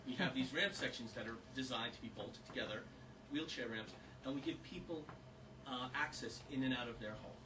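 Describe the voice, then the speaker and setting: A man with a mid-range voice talks fairly quickly and earnestly to a small audience, volunteering his time and rambling with fillers. It's an informal talk in the meeting room of a small historic house, recorded on a distant mic with background noise.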